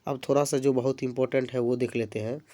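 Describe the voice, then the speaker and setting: A man's voice: medium pitch, fairly even intonation, fast, mellow. A man teaching an exam-prep grammar lesson, explaining definitions step by step with examples. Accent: Bihari-tinged Hindi.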